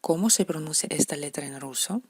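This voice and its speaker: A woman's voice: low voice, brisk, a little mellow, husky, no room sound, studio quality. A woman, teaching letter pronunciation to beginners and patiently repeating each example word. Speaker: language teacher.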